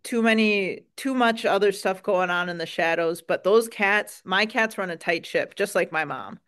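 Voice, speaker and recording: Smooth-voiced Wisconsin woman. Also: mid-range voice, normal speed, a bit bright. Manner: earnest, folksy, with many "um"s. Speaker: dairy farmer and co-op member. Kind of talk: interview answers.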